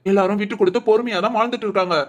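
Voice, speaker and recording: A woman's voice: medium pitch, fairly even intonation, very fast, lightly acted. A woman voicing a boastful, bossy young village husband in a cartoon. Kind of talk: cartoon voice acting.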